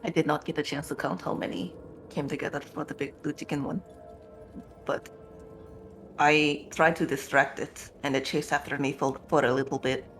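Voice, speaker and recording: Halting, rambling tabletop game player. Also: medium pitch, steady tone, a bit bright, soft background music, poor audio. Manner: halting, rambling, self-correcting. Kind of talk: improvised tabletop role-play narration.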